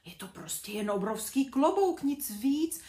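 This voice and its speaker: A woman reading aloud voices a brave, brisk female gardening teacher who talks in a bossy way. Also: high voice, big pitch swings, voice pushed up. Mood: urging. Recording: roomy echo.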